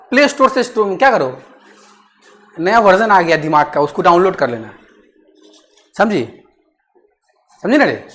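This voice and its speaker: A woman teaching maths in class. She keeps checking that students understand and repeats phrases slowly while dictating. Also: mid-range voice.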